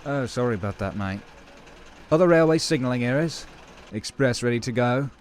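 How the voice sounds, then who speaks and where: A laid-back diesel engine, as a man puts him on, chatting in an easy matey way and apologizing readily. The voice climbs higher than the narration and moves lively, over faint music in a storybook reading. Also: moderate pace, close to an everyday voice. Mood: apologetic.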